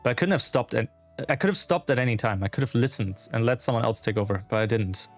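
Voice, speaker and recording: A man's voice: mid-range voice, quick pace, soft background music, pitched below the performer's own voice, lightly acted. A man voicing a weary, self-doubting lizard doctor in a game, brooding and hesitant. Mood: regretful.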